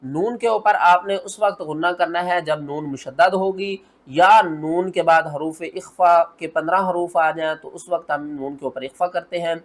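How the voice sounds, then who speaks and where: A man with a notably high voice gives a recitation lesson. He explains each rule patiently, one step at a time, asks himself what to do next, and then slowly draws out the recited examples. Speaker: Quran tajweed teacher.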